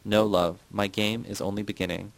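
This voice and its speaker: Casting: reader as sly, restrained young woman, low and gravelly. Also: flat delivery, normal speed, dry recording, rough recording. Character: sly young woman, hiding her tears.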